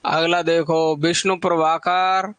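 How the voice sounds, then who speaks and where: High-voiced chatty Hindi teacher, dry close mic. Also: male voice, little pitch movement, slow pace, fairly bright tone, clean tone, dry recording. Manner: chatty, teases students by name between repeated lists. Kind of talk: live online exam-prep class.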